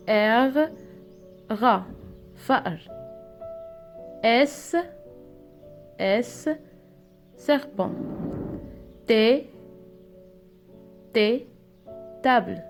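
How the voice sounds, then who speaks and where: A woman with a Moroccan Arabic accent giving a patient language lesson, repeating each word slowly. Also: on the high side. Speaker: French teacher.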